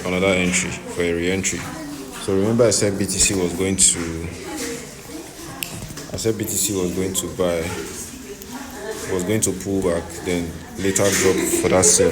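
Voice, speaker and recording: A man giving casual trading commentary, repeating his phrases and checking that the listener follows. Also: low-pitched. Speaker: trading vlogger. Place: on location, partly in a noisy hospital. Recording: noisy background, uneven level.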